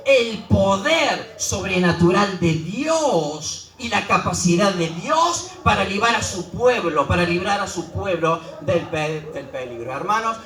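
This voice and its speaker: A man preaching a sermon as pastor, emphatic and repetitive, often dropping suddenly to a quiet tone. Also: high voice, reverberant, far from the mic, low-quality recording.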